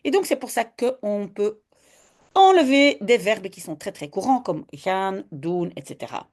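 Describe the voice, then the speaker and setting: A woman's voice: mid-range voice, expressive, a little slow, darkish tone. A woman from Belgium, patiently teaching Dutch step by step in an online lesson and often adding "hein".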